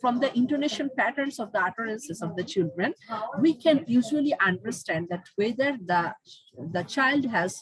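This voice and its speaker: A woman's voice: fairly high pitch, rough recording. A woman teacher with a Bengali accent giving an online class to university students, switching between English and Bengali as she explains, while she has a headache.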